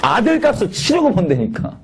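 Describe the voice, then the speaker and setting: A man from Korea preaching a sermon in a conversational, animated way, swinging from loud peaks to quiet asides. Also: high voice, brisk, breathy edge.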